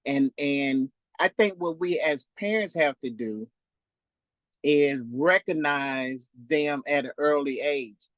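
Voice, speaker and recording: A man in his fifties talks through his ideas in a casual faith discussion, circling back and restarting his sentences. His voice sits a touch high for a man. The sound is dry, with no room echo. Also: fairly bright tone. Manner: halting, many restarts and fillers. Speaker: participant on a call-in Q&A.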